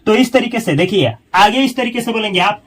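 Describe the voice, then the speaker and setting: A man with a high, fairly bright voice teaches a spoken English lesson, explaining in Hindi. He says each English model sentence slowly and carefully.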